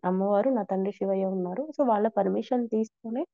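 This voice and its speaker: A woman's voice: mid-range voice, steady tone, quick pace, no room sound, phone-quality sound. A woman earnestly sharing her devotional experiences in a conversational interview, with frequent restarts. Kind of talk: conversational testimony.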